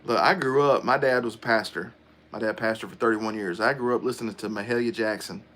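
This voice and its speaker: A middle-aged man hosts a relaxed livestream chat. He talks in a casual, rambling way and answers viewer comments aloud as they come in. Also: fairly low pitch, a little fast, a little hiss or hum. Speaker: livestream host.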